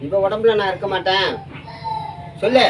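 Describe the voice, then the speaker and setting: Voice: mid-range voice, steady tone, moderate pace. A temple oracle medium leading an exorcism ritual, questioning in a commanding, repetitive way. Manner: commanding, interrogating, repeats demands. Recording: distant mic with loud noise.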